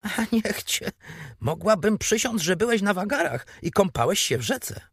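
Storybook figure: a man playing a nosy old aunt, sly and probing, lively husky voice, dry sound. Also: high-pitched, normal speed, no echo, pitched above the performer's own voice, full character voice. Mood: grudging. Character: fussy, scheming elderly aunt.

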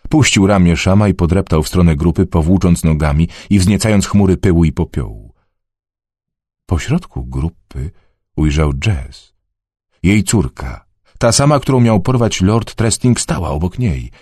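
A man narrating an audiobook in a measured, expressive reading. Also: deep voice, breathy edge, no room sound, clean studio sound.

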